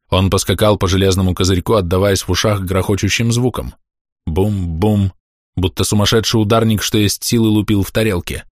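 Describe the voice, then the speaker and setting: Male narrator, low voice, measured and tense delivery, dry booth sound. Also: no echo. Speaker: audiobook narrator. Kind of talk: dramatic audiobook narration.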